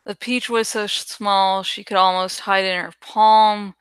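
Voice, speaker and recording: While working on a graphic, an online creator and host chats in a loose, rambling way, swearing, thinking aloud and at times reaching for words. Her mid-range voice holds a level tone at a measured pace, clear and resonant in a dry recording.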